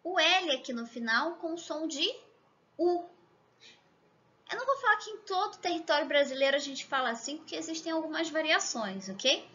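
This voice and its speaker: A Brazilian woman from Rio de Janeiro with a Rio accent, teaching a language lesson to camera, chatty and checking in often with the viewer, slowing down to exaggerate pronunciation. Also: sits high, expressive, pushed and bright, muffled recording. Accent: Rio de Janeiro Portuguese. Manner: slow, exaggerated demonstration of pronunciation. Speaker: Spanish teacher.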